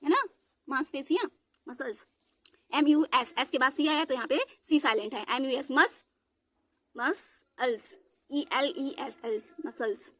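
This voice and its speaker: A woman's voice: high-pitched, moderate pace, fairly bright tone, dry recording. A woman teacher giving a spelling lesson. She spells words out letter by letter and keeps checking that her students follow. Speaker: English teacher.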